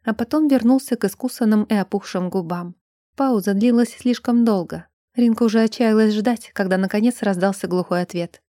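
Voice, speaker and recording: A woman reads a romance fantasy novel aloud as scripted audiobook narration, with an even, measured storytelling style. Her mid-range voice is recorded at studio quality with no room sound.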